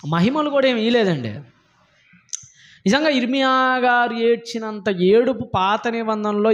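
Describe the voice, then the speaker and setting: A man with a high, lifted voice preaches a sermon. He scolds his listeners and hammers them with repeated rhetorical questions. The recording sounds dull and lo-fi. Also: a bit bright. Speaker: pastor.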